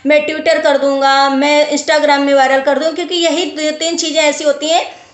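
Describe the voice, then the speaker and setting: This woman vlogger talks to her audience in a high, level-toned voice at a moderate pace, offering advice in a casual way. She explains by repeating things emphatically, and the sound is roomy and echoey.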